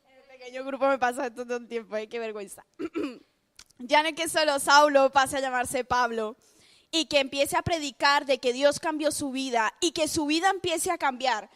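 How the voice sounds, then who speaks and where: Lively young woman from Spain preaching. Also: high-pitched, normal speed. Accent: Spain Spanish. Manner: lively, chatty, self-mocking, laughs often. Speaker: youth speaker. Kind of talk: youth sermon.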